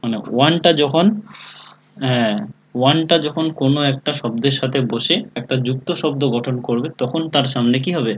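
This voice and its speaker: Teaching English in a live online lesson, this man speaks at a medium pitch and normal speed, though the recording's highs are cut off. He calls on students by name, spells words out letter by letter, and regularly asks if they're keeping up.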